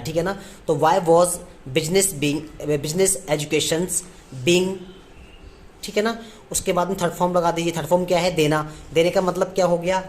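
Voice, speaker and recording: A man's voice: fairly high pitch, slight background noise. Male teacher drilling grammar step by step. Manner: repetitive question-and-answer teaching, slows down to spell out English phrases. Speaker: English teacher. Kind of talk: classroom lesson in Hindi.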